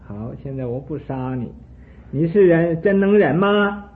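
A man voicing a jealous, hot-tempered ancient king who shouts scornful challenges, in a retold sermon story. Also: fairly high pitch, lively intonation, unhurried, voice pushed up. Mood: angry, taunting. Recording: tinny phone-like sound with faint hiss.

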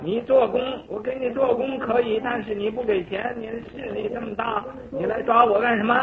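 A man voicing a terrified poor young man who protests he has done nothing wrong and begs not to be taken, in high panicked cries. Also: steady tone, a little fast, background noise. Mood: panicked pleading. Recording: tinny lo-fi recording with audience.

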